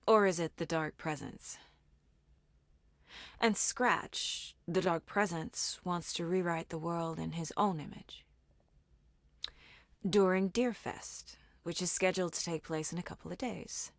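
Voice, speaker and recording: In a video game, an actress voices a calm FBI agent with dry wit, delivering lines in a measured, understated way as though thinking aloud. Her female voice is lowish and creaky, with no echo.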